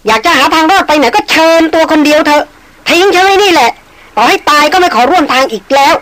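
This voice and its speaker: A woman voicing a haughty young woman, the employer's sister, shrill and scornful in her anger. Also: expressive, normal speed, fairly bright tone, poor audio. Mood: shrill fury.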